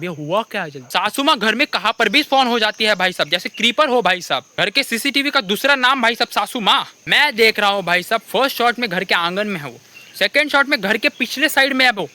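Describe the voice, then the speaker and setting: A young man with an Indian accent doing an animated comic rant, constantly repeating the same address to the listener. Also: high voice. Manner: animated, keeps repeating "bhai sahab". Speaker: comedy creator.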